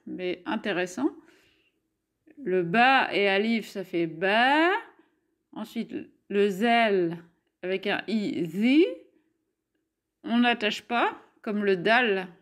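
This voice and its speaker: Slow, patient woman teaching letters. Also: medium pitch. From France. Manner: slow, patient, spells out sounds. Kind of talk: Arabic alphabet lesson.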